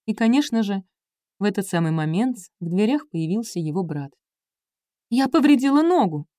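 A woman narrates an audiobook in a smooth, even storytelling voice. Her tone is mellow and soft, recorded close in a dry, dead room. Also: mid-range voice, a little fast, no room sound. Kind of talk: scripted narration of a romance novel.

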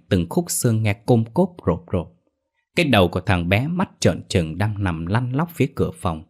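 A man narrating a horror story in a steady, dramatic reading. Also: fairly low pitch.

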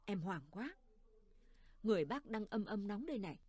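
A woman's voice: medium pitch, lively intonation, moderate pace, warm tone, breathy edge, no echo. A woman voicing a chatty younger village neighbor who fusses over an older woman. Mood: worried, fussing.

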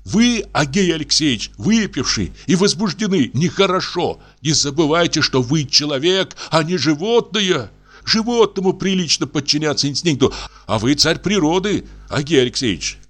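A man voicing a prim, fussy country doctor who pleads and reproaches in a high, strained voice. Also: sing-song, moderate pace, a bit bright. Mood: reproachful.

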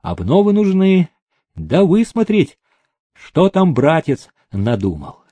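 A man voicing a calm, confident young male heir speaking in a measured way. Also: on the high side, pitched above the performer's own voice, full character voice. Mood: amused. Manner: smiling, measured.

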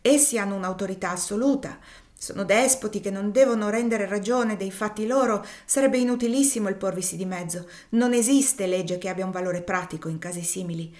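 A woman voicing a worldly, jovial gentleman in a read-aloud novel, reasoning calmly and with irony. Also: medium pitch, brisk, lightly acted. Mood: resigned.

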